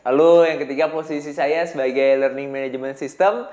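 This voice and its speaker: A man's voice: medium pitch, steady tone, brisk, a little mellow. A man in his twenties hosting a casual podcast chat, talkative, with many fillers and frequent laughs. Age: 20s. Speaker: host. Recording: roomy, dull lo-fi sound.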